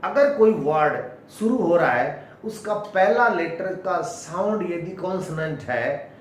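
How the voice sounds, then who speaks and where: A man with an Indian accent teaching English pronunciation, explaining slowly and repeating key words, mixing in English phrases. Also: sits high, animated, a little hiss or hum. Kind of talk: classroom-style explanation. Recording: echoey room, voice from a distance.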